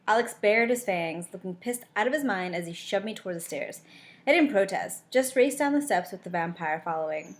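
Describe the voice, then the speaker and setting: A woman reading a novel aloud in a chatty, casual way, stopping now and then for quick comments on the text. Her voice sits at an ordinary middle pitch for a woman. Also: lively intonation. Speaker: audiobook reader.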